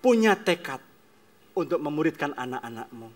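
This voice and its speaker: A male pastor preaching a sermon, emphatic, swinging between loud declarations and soft asides. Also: a little high, very animated, normal speed.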